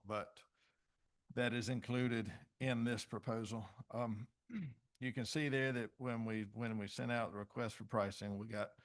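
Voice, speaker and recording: A man, a city director, methodically presenting a project report at a public commission meeting with frequent pauses. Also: lowish voice, a bit bright.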